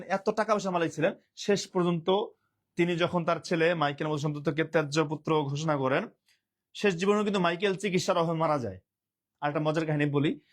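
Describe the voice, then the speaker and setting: A male teacher leading a live online exam-prep class, who repeats key words and reads viewers' comments aloud while dropping English words into his speech. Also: a little high.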